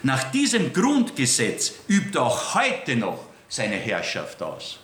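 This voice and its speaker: A man preaching a sermon in a lively, dramatic way, acting out dialogue with God. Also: medium pitch, slow. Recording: echoey room, faint ambience.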